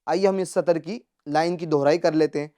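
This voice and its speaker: On a televised reading lesson, a Quran teacher recites words slowly and drawn out, then explains briskly, posing questions and answering them himself. His voice is medium-pitched, mellow and fairly even in intonation.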